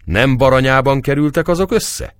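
A man's voice: mid-range voice, no echo, clean studio sound, voice pushed up, close to an everyday voice. A man voicing an army lieutenant who questions urgently, in a read novel. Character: stern male army lieutenant.

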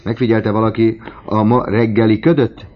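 A man voicing a slow, pun-loving male museum clerk, on a dull lo-fi recording. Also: fairly low pitch, level tone, voice pushed up, close to an everyday voice. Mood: jesting.

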